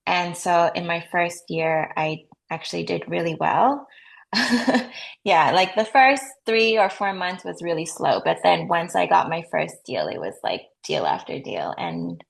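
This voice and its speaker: A woman's voice: lowish voice, animated, a little slow, creaky. A woman in her thirties, raised in the US, chatting casually as a guest about her work as a real estate agent, with frequent "like" and light laughs. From United States. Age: 30s. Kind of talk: casual interview answers.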